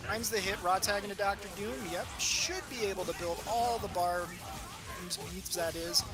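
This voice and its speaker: A man in his thirties from the US East Coast, co-commentating a tournament stream with relaxed, self-deprecating banter. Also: high-pitched, normal speed. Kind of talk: casual esports commentary.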